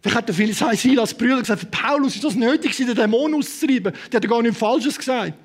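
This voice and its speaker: A man with a Swiss German accent preaching a sermon to a congregation, impassioned, swinging between loud proclamation and quiet asides and dropping in English words. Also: extremely high pitch, quick pace. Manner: sprinkles English words into speech. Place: church hall with a congregation.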